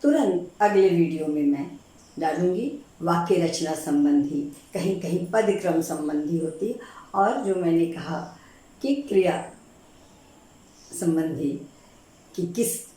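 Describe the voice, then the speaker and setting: A woman teacher giving a grammar lesson for exam preparation, patiently repeating each word slowly so students catch the correct form. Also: lowish voice, expressive, dark tone. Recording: very echoey room.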